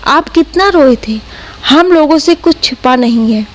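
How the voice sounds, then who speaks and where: A woman's voice: sits high, animated, a little slow, rough recording. Woman voicing a scornful daughter-in-law. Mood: taunting. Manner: taunting.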